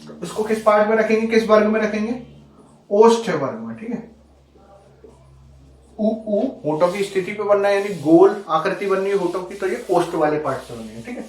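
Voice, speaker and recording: A man with a high voice teaches a grammar lesson in a patient, repetitive way. He keeps asking rhetorical questions and checking that the class is following. The recording carries a roomy echo. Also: normal speed, recorded from a distance.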